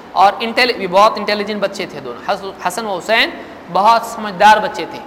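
A male preacher delivers a sermon to a gathering. He draws out recited Arabic lines slowly, then drops into relaxed, conversational explanation full of rhetorical questions. The recording rings with a long hall echo over a faint background noise. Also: sits high. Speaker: religious preacher. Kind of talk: Islamic sermon.

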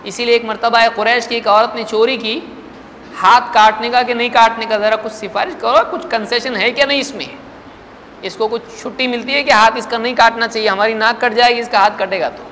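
A male preacher delivers a sermon to a gathering. He draws out recited Arabic lines slowly, then drops into relaxed, conversational explanation full of rhetorical questions. The recording rings with a long hall echo over a faint background noise. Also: very high-pitched. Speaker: religious preacher. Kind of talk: Islamic sermon.

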